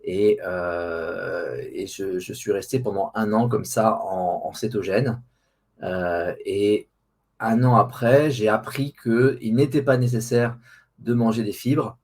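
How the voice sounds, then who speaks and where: A man with a low, gravelly voice chats as an interview guest. He is casual and hesitant, often circling and repeating words as he looks for the right one. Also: slow, darkish tone. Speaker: interview guest, online diet group administrator. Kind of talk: casual conversational interview answers.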